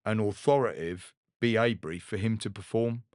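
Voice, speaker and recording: Man, middle-aged, low voice, earnest rambling storyteller, dry close sound. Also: normal speed, a little mellow, clean tone, no echo. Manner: rambling, earnest, acts out quoted dialogue. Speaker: guest, ocean rower. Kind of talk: casual storytelling interview.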